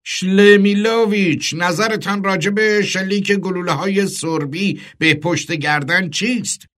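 A man's voice: high-pitched, fairly even intonation, fairly bright tone, voice pushed up. A man voicing a menacing male SS block commander in an audiobook, speaking in a mocking, taunting way. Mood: sneering.

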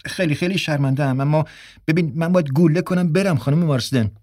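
Audiobook role: man doing a flustered young actor, a touch higher than narration, dry close read. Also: a little mellow, dry recording, close to an everyday voice. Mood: apologetic. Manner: apologetic, slightly defiant. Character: young male actor, apologetic but proud.

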